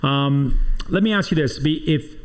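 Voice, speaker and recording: A man hosts a casual podcast interview, his voice carrying a gravelly edge. He talks in loose, rambling sentences, restarting often as he chats with his guest. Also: fairly high pitch, moderate pace. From Southern California. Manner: chatty, rambling, many restarts. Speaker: podcast host for a trade association.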